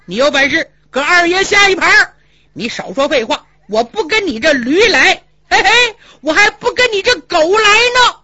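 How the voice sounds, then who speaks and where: A woman storyteller puts on a hot-tempered male warrior who blusters and jeers at full volume. His voice rides high and bright, and the recording is dull and lo-fi. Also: big pitch swings, moderate pace, heavily acted. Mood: taunting. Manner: loud, blustering, taunting. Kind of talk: traditional storytelling performance.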